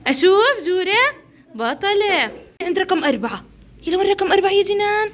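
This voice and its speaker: A woman's voice: very high-pitched, big pitch swings, fast, a bit bright. A woman teacher, coaxing and praising young children through a counting game. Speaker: preschool teacher.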